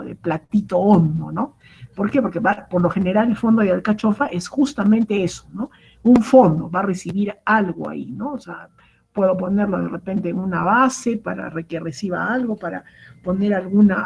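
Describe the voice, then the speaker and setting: A woman's voice: mid-range voice, creaky, darkish tone, breathy edge, rough recording. A woman giving an online cooking lecture, explaining step by step and often checking in with the class. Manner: explanatory, keeps asking "¿correcto?" and "¿no?"; many fillers and restarts. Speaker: culinary instructor.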